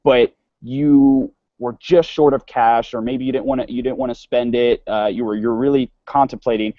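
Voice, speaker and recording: A man's voice: medium pitch, fairly even intonation, normal speed, no echo, lo-fi sound. A man giving an online sales course lecture in a casual way, often repeating words and restarting sentences. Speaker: sales instructor.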